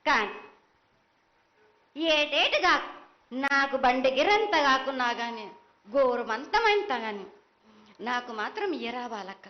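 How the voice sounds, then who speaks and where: High, swooping woman oracle with Telangana accent. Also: very animated, measured pace, long pauses, a little hiss or hum. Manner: chanting, insistent, reproachful declarations. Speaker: temple oracle. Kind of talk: ritual prophecy speaking as a mother goddess. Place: temple ritual. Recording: dull lo-fi live event sound.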